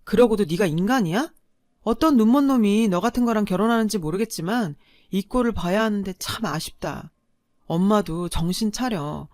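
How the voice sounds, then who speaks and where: A woman's voice: mid-range voice, darkish tone, no echo, studio quality, close to an everyday voice. A woman voicing an angry younger daughter who confronts her mother and sister sharply.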